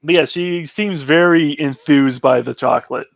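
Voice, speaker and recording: A man's voice: fairly high pitch, normal speed, vocal fry, dry recording, muffled recording. A man narrating as game master in a tabletop game, hesitant, with frequent fillers and restarts.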